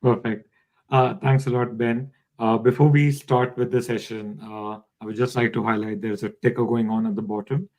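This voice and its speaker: A man's voice: medium pitch, level tone, normal speed, a little mellow, rough recording. A man hosting a live online session, welcoming viewers and reading out their comments over a video call. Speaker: live-stream host.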